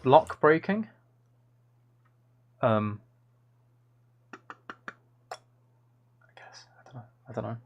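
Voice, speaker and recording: An animated, creaky-voiced man at medium pitch talks extremely slowly with long pauses, in lo-fi sound. A livestreamer and author, he's playfully rambling through casual gaming-stream chat with viewers and attempting game sound impressions. Faint noise and key clicks come from keyboard typing and clicking behind him.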